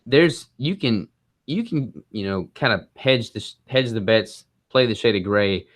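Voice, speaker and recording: A man guest in a casual interview, explaining his diet approach in a quick, relaxed way with casual fillers. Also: on the low side, no room sound, clean studio sound. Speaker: bodybuilder guest.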